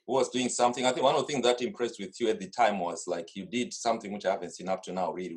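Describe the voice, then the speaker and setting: Speaking from a home studio desk, a middle-aged carnival organiser from Zimbabwe, with a Zimbabwean accent, guests on a video-call interview and talks casually for a long stretch. His lowish voice is husky with a darkish tone, and his storytelling rambles with many restarts.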